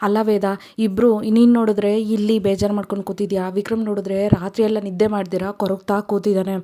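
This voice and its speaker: A woman voicing a kind middle-aged mother-in-law who speaks softly and coaxingly. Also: mid-range voice, flat delivery, fast, natural voice. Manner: soft, coaxing.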